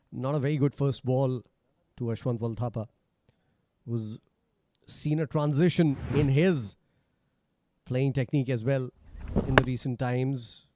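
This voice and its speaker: A man giving live cricket commentary, chatty analysis with thinking pauses between phrases. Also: mid-range voice, dark tone.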